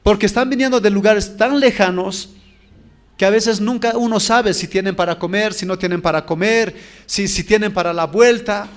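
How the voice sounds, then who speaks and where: A pastor delivers a sermon in a high, lively voice. He preaches with animation and slips into the voices of the people in his stories. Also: normal speed.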